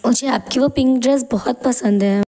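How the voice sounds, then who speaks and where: A woman voicing an eager young sister-in-law in an animated story, who chats and calls out. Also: on the high side, moderate pace, close to an everyday voice.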